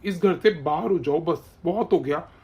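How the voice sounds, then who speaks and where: A woman voicing a hot-tempered young husband and son in an animated story, harsh and commanding. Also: fairly low pitch, normal speed, highs cut off, natural voice. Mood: furious.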